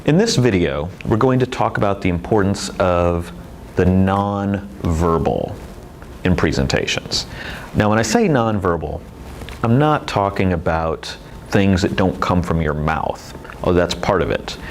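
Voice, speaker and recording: A man's voice: low voice, animated, a little slow, a little hiss or hum, rough recording. A man teaching presentation skills in a video lecture, explaining expressively with demonstrations. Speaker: presentation instructor.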